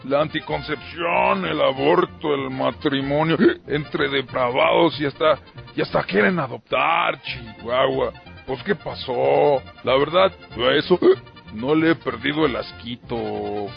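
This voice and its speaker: A man with a Mexican accent playing a crude, bigoted older politician in a radio comedy sketch, gruff and blustering. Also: medium pitch, unhurried, soft background music. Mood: indignant. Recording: lo-fi radio broadcast.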